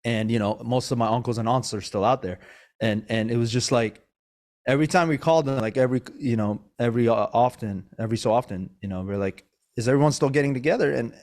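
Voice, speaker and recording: Fast-talking with a darkish, medium-pitched voice, this man hosts a podcast interview out of Sacramento, California. His casual style rambles along with lots of fillers and restarts, and he was born in Iran before growing up in Maryland.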